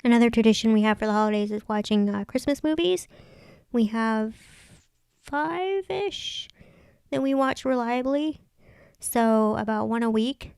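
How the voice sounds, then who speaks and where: Female craft vlogger, smooth and slightly high voice, chatty casual tutorial narration, close dry sound. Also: moderate pace, darkish tone, dry recording. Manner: chatty, thinking aloud. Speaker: craft vlog host.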